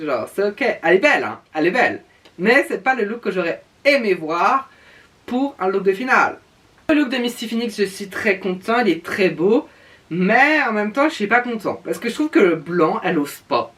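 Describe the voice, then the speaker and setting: A man's voice: sits high, sharp tone. Campy drag-queen style male reviewer, distant mic. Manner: campy drag-queen flair, theatrical, sprinkles in pet names and English slang. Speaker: reviewer giving opinions on a televised drag competition. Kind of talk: casual reaction commentary on runway looks.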